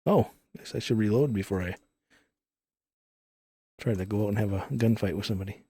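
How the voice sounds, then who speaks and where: A man's voice: fairly low pitch, a little fast, dark tone, breathy edge, no echo. A man chatting casually as he hosts a live game stream, rambling through technical explanations, his voice heavily compressed on a studio microphone. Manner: rambling, explains technical details while playing. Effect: audio compressor on voice. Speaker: live-streaming gamer and host. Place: recording studio. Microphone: studio microphones through a multichannel input.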